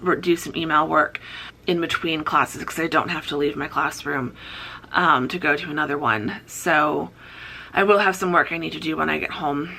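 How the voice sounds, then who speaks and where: A chatty woman vlogging about her day, talking to the camera in an upbeat, rambling way. Her voice sits a little low, with a gravelly fry and a bright, forceful edge. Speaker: author and college writing teacher vlogger. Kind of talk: casual vlog chat to camera.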